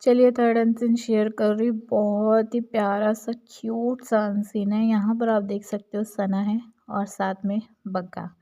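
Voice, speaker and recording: A young woman runs through show moments in a chatty, gossipy way, leaning on fillers as she talks. Her voice is soft and mellow, with no edge at all. Her pitch sits in the middle range. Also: little pitch movement, unhurried, hardly any pauses. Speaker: entertainment vlogger. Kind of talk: casual commentary on reality show clips.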